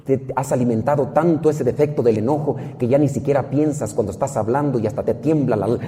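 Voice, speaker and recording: A priest giving an animated sermon, telling stories and asking rhetorical questions. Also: male voice, mid-range voice, a little fast, big-room sound.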